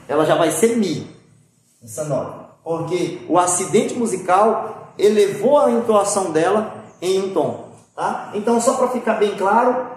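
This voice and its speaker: A man with a high voice teaches a music theory lesson on video. He explains patiently, repeats himself and checks often with his students. The recording is very echoey, with a faint room hum underneath. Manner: patient, repetitive explaining with frequent "pessoal" and "tá?".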